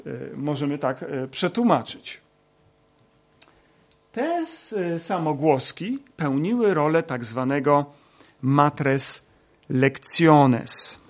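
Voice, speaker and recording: A man teaching a Bible lesson, talking slowly with many hesitations and fillers. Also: on the high side, husky. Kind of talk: lecture with slides.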